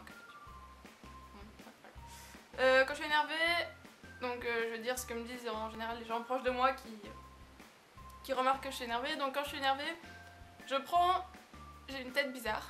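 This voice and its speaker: A young woman chatting casually in a vlog, answering quirky questions with lots of fillers and easy laughter. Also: high voice. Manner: chatty, relaxed, laughs often, many fillers. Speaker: beauty vlogger.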